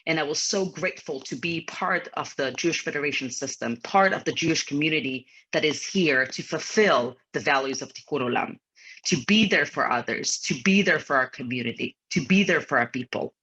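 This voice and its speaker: Speaking deeply and huskily, with a fairly bright tone and an animated, brisk delivery, this woman is a federation executive in her thirties from Ukraine whose native language is Ukrainian. Appearing as an interview guest on a video call, she shares an earnest personal account in slightly non-native phrasing, captured in dull lo-fi audio.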